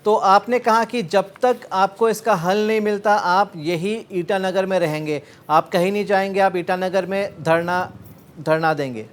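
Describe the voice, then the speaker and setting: A male news anchor with a slightly raised pitch talks at an unhurried, deliberate pace. He chooses his words carefully and moves easily between Hindi and English. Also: steady tone. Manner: measured, mixes Hindi and English. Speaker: news show host. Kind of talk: TV news interview and wrap-up.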